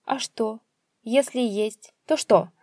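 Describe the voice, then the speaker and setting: A woman's voice: measured pace, warm tone, breathy edge, dry recording, clean studio sound. A woman voicing a spiteful old male pensioner who screeches and jeers at his son. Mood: abusive. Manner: shrill, screeching, jeering.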